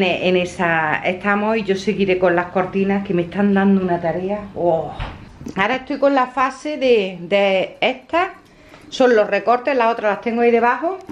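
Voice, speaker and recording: A woman's voice: medium pitch, expressive, normal speed, highs cut off, slight background noise. A woman in her fifties talking casually to a phone camera at home in a home vlog, chatty and affectionate, rambling with fillers. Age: 50s. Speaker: vlogger. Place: at home, indoors.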